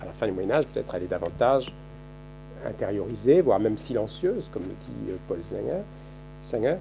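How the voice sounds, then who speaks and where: A man in his fifties with a dark, mellow voice, giving an academic seminar lecture. He thinks aloud as he goes, circling back through halting restarts and repeated words. The sound is dull and lo-fi, like an old archive tape of a seminar room. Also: lowish voice, animated, vocal fry, soft background music. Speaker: historian giving a seminar talk.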